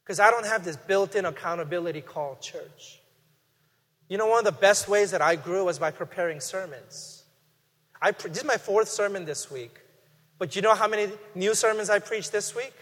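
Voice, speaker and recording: A middle-aged man preaching a guest sermon in a conversational, animated way, with emphatic rises. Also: high-pitched, moderate pace. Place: church sanctuary. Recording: reverberant hall.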